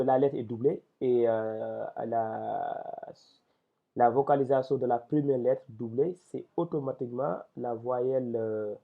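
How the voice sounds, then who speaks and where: A man's voice: medium pitch, vocal fry. A man teaching Arabic reading step by step, patient and spelling out syllables one at a time. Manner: slow and patient, with many restarts and syllable-by-syllable spelling. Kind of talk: step-by-step lesson. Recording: tinny phone-like sound.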